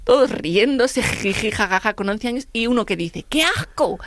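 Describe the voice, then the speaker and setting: A middle-aged woman, a radio guest telling lively anecdotes and acting out the dialogue. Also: on the high side, normal speed, a little hiss or hum. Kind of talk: radio interview storytelling.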